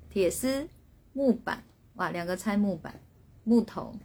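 A woman's voice: mid-range voice, animated, slow, a little mellow, slightly rough. A woman, a spirit medium hosting a casual live stream, telling a story and reading out viewers' guesses with lots of laughter.

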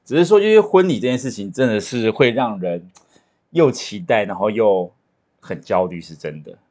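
A man, co-hosting a casual podcast chat and telling stories in an animated, joking way. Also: on the low side, normal speed. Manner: animated, chatty, jokey storyteller. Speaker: podcast co-host about to marry.

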